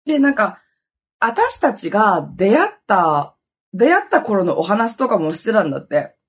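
A woman in her thirties hosting a podcast, telling a personal story in a casual, animated way, jumping between loud exclamations and muttered asides. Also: medium pitch, normal speed, breathy edge. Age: 30s. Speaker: podcast host.

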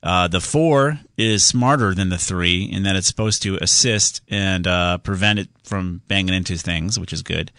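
A man's voice: sits low, normal speed, hardly any pauses, bright, forceful tone, dry recording, clean studio sound. A man hosting a radio call-in show, casually explaining computer fixes step by step. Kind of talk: casual call-in tech advice.

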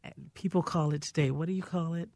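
A woman's voice: deep voice, steady tone, fast, warm tone, dry recording, studio quality. An older woman hosting a radio talk show, telling a heartfelt, reminiscing story. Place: radio studio.

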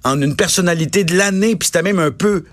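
A man with a Quebec French accent, a comedian, chatting casually in a halting way with frequent restarts. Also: high-pitched, fairly bright tone, dry recording. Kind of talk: casual chat.

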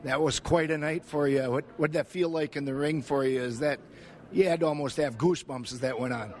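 A man's voice: fairly high pitch, a little fast. An American man working as a radio host, conducting an interview. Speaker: radio host and fair reporter.

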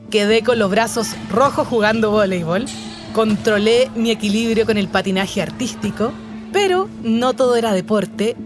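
A young Chilean woman with a Chilean accent, calmly narrating her own life story in a scripted, reflective way. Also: fairly high pitch. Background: music under the voice.

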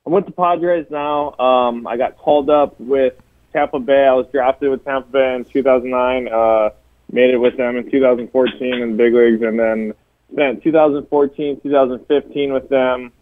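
A man's voice: mid-range voice, fairly even intonation, moderate pace. Man talking over a tinny phone line. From Hawaii. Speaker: phone-in guest, baseball pitcher. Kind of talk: casual chat on a phone line.

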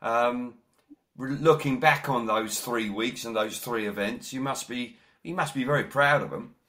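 A man's voice: medium pitch, unhurried, a bit bright. A man interviewing about sport in a conversational way, recapping races with wordy enthusiasm before putting his questions.

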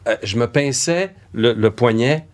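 A middle-aged Québécois man speaks in a measured, reflective way, pausing and restarting as he searches for words. His voice sits in an ordinary middle pitch for a man. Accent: Québécois French. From Arvida, Quebec. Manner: measured and thoughtful, with frequent hesitations. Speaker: former VJ, guest. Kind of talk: reflective conversation.

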